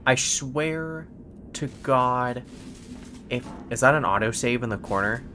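A man's voice: medium pitch, a little slow, over music. A young man streaming a horror game with scared, jumpy commentary and sweary, sarcastic asides. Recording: faint-to-clear game noise behind voice. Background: horror game ambience.

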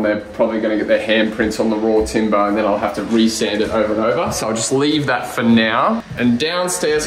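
A man in his thirties filming himself on a phone with a lapel mic while renovating an empty house, chatting and explaining his work with some frustration. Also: medium pitch. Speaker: home renovation vlogger. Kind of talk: casual self-filmed vlog. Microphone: lapel mic, phone held at arm's length. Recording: echoey bare rooms with noise.

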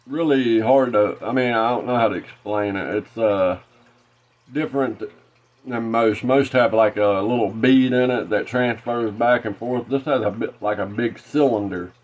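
A man in his thirties with a fairly low voice and a Southern accent hosts a casual fishing-lure unboxing vlog from a small room full of tackle in Arkansas. He rambles, restarting often and filling gaps with "uh." The recording sounds muffled.

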